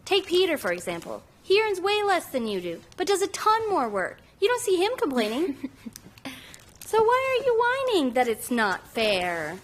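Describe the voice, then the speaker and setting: A woman's voice: high voice, huge pitch swings, normal speed. An actress dubbing a woman who lectures a friend for complaining, in an English dub of a TV drama. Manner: scolding, lecturing. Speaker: friend scolding a coworker. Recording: faint background noise.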